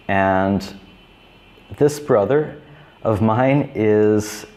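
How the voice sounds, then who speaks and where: A man in his thirties teaching beginner English, repeating each simple phrase slowly and clearly. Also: fairly low pitch, warm tone. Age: 30s. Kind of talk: slow, repetitive teaching for beginners.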